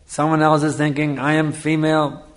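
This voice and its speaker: Speaking at a moderate pace with a slightly high voice and flat delivery, a man gives a Hare Krishna style discourse on scripture as a spiritual teacher. He instructs didactically, repeats phrases to stress them and checks in with his audience.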